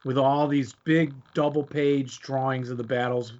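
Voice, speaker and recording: A man's voice: medium pitch, steady tone, moderate pace, a little mellow. A man co-hosting a casual hobby conversation in a conversational, unscripted way. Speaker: podcast co-host. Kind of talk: casual chat. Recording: dull lo-fi audio.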